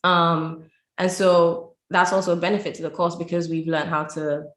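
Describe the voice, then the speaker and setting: A woman speaks in a low-pitched voice. She talks conversationally, as a guest explaining her work in an interview. The recording is noticeably roomy and echoey. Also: flat delivery, moderate pace. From Saint Lucia. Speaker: guest, Creole language teacher.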